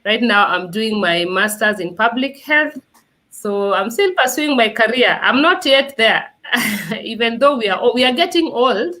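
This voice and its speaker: Bright-voiced Kenyan woman guest. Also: a little high, animated, measured pace. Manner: chatty, many fillers, laughs easily. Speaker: guest, nurse and immigration adviser. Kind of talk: conversational interview.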